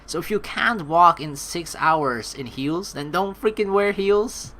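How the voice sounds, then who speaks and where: A young woman provides let's play commentary, reading game text aloud in an animated, playful, blunt and casual manner. Her voice is on the low side and her pace measured.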